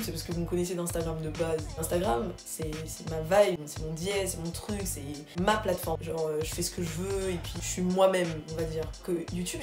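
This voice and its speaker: Young woman, casual vlog, slangy, addresses viewers directly, roomy echo. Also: lowish voice. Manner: slangy, animated, talks straight to viewers. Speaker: vlogger. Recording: echoey room with music behind.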